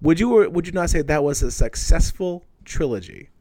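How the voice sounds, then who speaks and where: A man with a higher-than-usual, very lively voice jokes and questions his co-host in a playful, self-deprecating way. The sound is dry and close, with no room behind it. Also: normal speed, no room sound. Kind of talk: casual chat.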